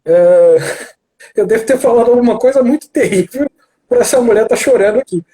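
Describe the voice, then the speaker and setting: Male guest from Brazil, high but warm voice, acts out quoted dialogue while he tells a story over a video call. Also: a little fast, low-quality recording. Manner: animated storyteller who acts out dialogue, frequent restarts. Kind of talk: storytelling in a live video chat.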